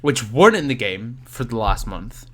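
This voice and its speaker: A man's voice: mid-range voice, sing-song, moderate pace. A young man co-hosting a casual podcast, nasal and stuffed up from a cold, rambling and stumbling over his words. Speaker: podcast co-host.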